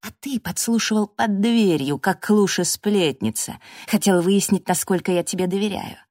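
A woman's voice: low-pitched, unhurried, no room sound, studio quality. A woman voicing a sneering, accusing young man in an audiobook, mocking and confrontational. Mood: mocking fury.

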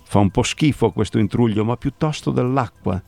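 A man voicing a calm old man who drinks liquor and shrugs off the fuss around him, in a radio story reading. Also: mid-range voice, gravelly, dry recording, lightly acted. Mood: easygoing. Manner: easygoing, unhurried.

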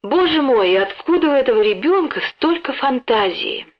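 A woman's voice: medium pitch, lively intonation, measured pace. A woman voicing an emotional, genteel mother in a storybook, speaking in trembling exclamations. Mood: gently chiding. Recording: dull lo-fi recording.

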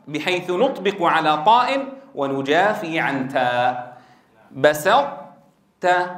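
Man, tajweed lesson, asks and answers his own questions, high voice. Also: a bit bright, echoey room. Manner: stretches words slowly to show pronunciation. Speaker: Quran teacher.

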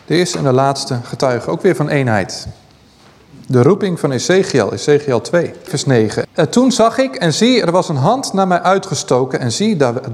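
Man, preacher, sermon, slightly high voice, reads scripture with emphasis, long reverb. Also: a little mellow. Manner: teaching Bible study, reads scripture aloud with rising emphasis.

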